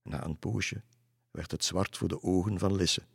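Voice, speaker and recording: A man reading a children's story aloud as narrator, calm and measured. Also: low voice, gravelly, husky, dry recording, studio quality.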